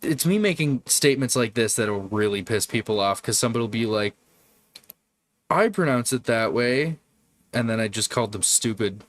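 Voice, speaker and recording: Low-voiced man chatting on a livestream. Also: fast, few pauses. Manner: rambling, profane, chatting with viewers. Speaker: livestream host. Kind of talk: casual live-stream chat.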